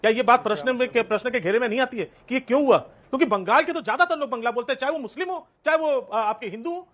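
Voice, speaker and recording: A man's voice: very high-pitched, very fast, fairly bright tone. A man speaking in a TV debate, starting with hesitant fillers and then posing rhetorical questions. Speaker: debate panelist. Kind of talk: TV debate argument.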